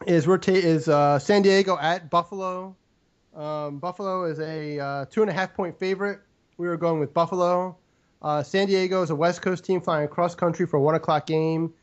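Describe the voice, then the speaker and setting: A man's voice: fairly high pitch, clear, resonant tone. Rambling man giving football picks, lo-fi. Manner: rambling, many fillers. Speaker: sports picks show host. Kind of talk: casual sports picks analysis.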